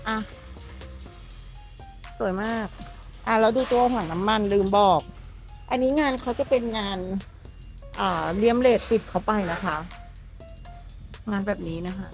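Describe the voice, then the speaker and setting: A woman's voice: mid-range voice, a little slow, pauses often. A woman gives an enthusiastic, chatty walkaround of a customized truck at an outdoor workshop. Her speech is polite throughout. Faint music plays underneath her voice. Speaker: presenter for a truck body workshop channel. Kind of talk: walkaround vehicle showcase.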